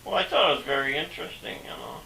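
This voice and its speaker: Older man, gravelly and sharp-toned, halting talker, heard from a distance on a hissy old VHS home video tape. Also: medium pitch, big pitch swings, reverberant. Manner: halting, with many fillers and restarts. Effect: old VHS home video sound. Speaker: father being interviewed. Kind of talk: reminiscing home interview.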